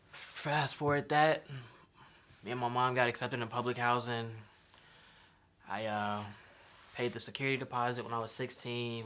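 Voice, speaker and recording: His voice a bit bright and on the low side, the young sneaker designer from Chicago casually explains his custom shoe for a vlog. The slang is easygoing, and "right?" keeps showing up at the ends of his thoughts.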